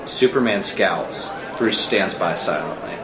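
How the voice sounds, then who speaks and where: A man with a low voice narrates screenplay stage directions at an unhurried pace, film-score music playing behind him. The room is echoey, and crowd noise can be heard.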